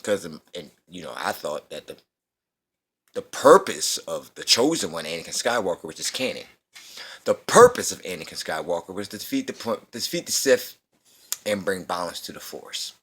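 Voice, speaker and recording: A man's voice: sits low, expressive, normal speed, a bit bright, husky. A man in his thirties ranting in a casual movie review, profane, slangy and repeating himself. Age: 30s. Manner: slangy street talk.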